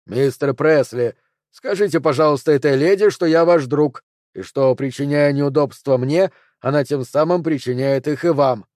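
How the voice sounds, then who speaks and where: Casting note: tense, loud pleading man under threat, voiced by the narrator. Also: on the high side, moderate pace, dry recording, clean studio sound, lightly acted. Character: nervous man pleading at gunpoint.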